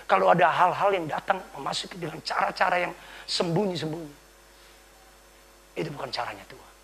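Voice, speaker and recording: High, bright, gravelly preacher voice. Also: male voice, brisk. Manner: dramatic storytelling, swinging from whispers to shouts. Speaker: pastor. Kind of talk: sermon.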